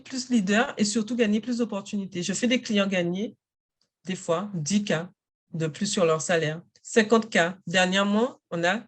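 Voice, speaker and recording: A woman, a native English speaker, talking in a casual interview about coaching parents and adults in English, in an energetic and emphatic way. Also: medium pitch. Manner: energetic, emphatic, self-assured.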